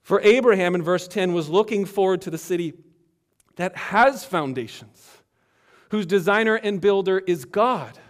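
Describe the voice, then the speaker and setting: A man preaching a sermon as pastor, earnest and emphatic, swinging between loud passages and hushed ones. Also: high voice, moderate pace.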